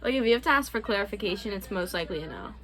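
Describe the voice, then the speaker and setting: A woman's voice: medium pitch, animated, racing, a bit bright. A young adult woman hosting a casual couple's Q&A vlog, chatting candidly with loose, profane phrasing. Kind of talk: casual chat.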